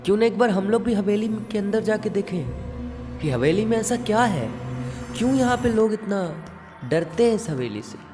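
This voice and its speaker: A man's voice: high voice, animated, normal speed, voice pushed up. Man voicing a bold, coaxing young man. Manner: casual, dismissive, coaxing. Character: bold young man urging friends into a haunted mansion. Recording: long reverb with background music.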